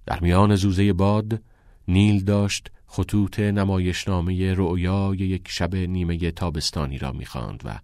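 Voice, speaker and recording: Male audiobook narrator, measured and dry. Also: sits low, a little mellow, dry recording.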